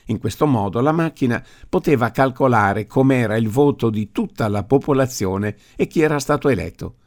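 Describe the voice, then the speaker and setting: A gruff, stubborn old grandfather, voiced by a male reader in an audiobook. He declaims with force and indignation, his voice raised. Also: mid-range voice, lively intonation, normal speed, a little mellow, lightly acted. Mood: explaining. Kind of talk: audiobook character voice.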